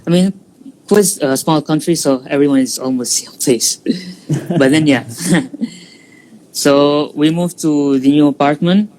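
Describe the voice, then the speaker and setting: A twenty-something Indonesian student, appearing as a guest in a laid-back live-stream interview, relates his story haltingly with frequent fillers and restarts. His voice is on the high side with a darkish tone, and the low-quality recording has slight background noise.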